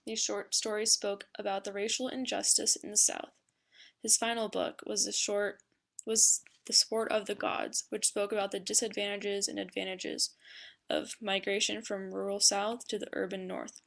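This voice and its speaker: A woman's voice: mid-range voice, little pitch movement, moderate pace, creaky, a bit bright. A young woman reading a class presentation aloud from a script, with small slips and fillers. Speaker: student presenter.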